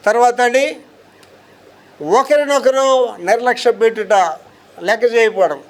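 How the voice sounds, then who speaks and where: A pastor from India preaching a sermon, emphatic and firing rhetorical questions at his listeners. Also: high-pitched.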